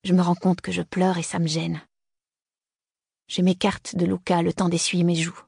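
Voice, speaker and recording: Gravelly, husky woman narrating a novel. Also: fairly low pitch, level tone, moderate pace, darkish tone, no echo, studio quality. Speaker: audiobook narrator. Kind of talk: first-person novel narration.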